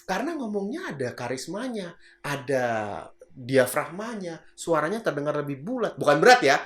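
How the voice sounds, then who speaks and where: A man's voice: a little high, very animated, moderate pace, a bit bright. Chatty man coaching in an echoey room. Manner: chatty, acts out example voices, laughs at own jokes. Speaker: public speaking coach. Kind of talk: casual video lesson. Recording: roomy echo.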